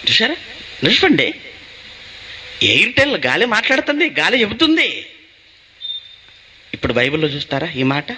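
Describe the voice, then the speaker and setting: A man's voice: high voice, huge pitch swings, moderate pace, long pauses, sharp tone, a little hiss or hum. A male pastor preaching a sermon, asking his listeners questions and answering them himself.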